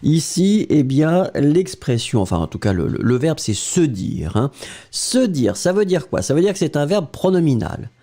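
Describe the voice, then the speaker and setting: A man's voice: fairly high pitch, big pitch swings, moderate pace, mellow. A man teaching French in a live online lesson, explaining grammar patiently step by step and spelling words out letter by letter.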